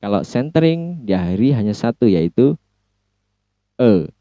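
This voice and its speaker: A man with an Indonesian accent lecturing on phonology, repeating each sound slowly for practice. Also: lowish voice, sing-song, no echo, muffled recording. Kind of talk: slow recorded lecture explaining sounds.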